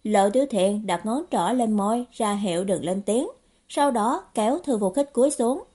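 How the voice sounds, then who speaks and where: A woman narrating a novel as an audiobook in a steady storytelling manner. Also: medium pitch, moderate pace, slightly rough. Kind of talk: scripted narration.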